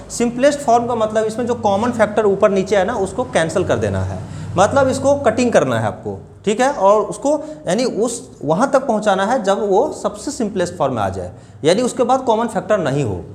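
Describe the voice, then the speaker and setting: A man teaching a maths class step by step, asking his students questions. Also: high-pitched. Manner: addresses students as children, explains step by step with repeated questions. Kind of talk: classroom lesson.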